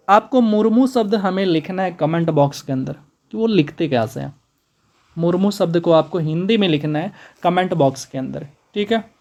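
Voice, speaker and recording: A man teaching a spoken exam-prep lesson, brisk and repetitive, calling his students brother. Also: high-pitched, a little mellow.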